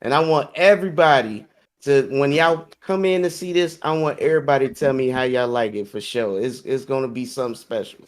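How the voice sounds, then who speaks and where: A man's voice: mid-range voice, a little fast. A man co-hosting a gaming podcast, easygoing and casual, with fillers as he plugs his streams. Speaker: podcast co-host. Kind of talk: casual chat.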